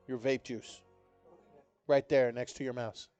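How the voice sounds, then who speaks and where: A man's voice: medium pitch, little pitch movement, a little slow, warm tone, smooth, lo-fi sound, faint music behind. A young man streaming a game live, chatting casually in a laid-back, rambling way full of swearing. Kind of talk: casual live-stream chat while gaming.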